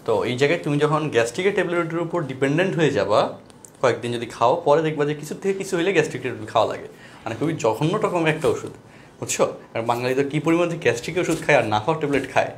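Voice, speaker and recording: A young male tutor with a Bangladeshi accent runs an online math class at a rapid clip. He talks in a chatty, rambling way and keeps checking that his students follow. A faint hiss sits under his voice. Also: on the high side. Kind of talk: casual online class talk.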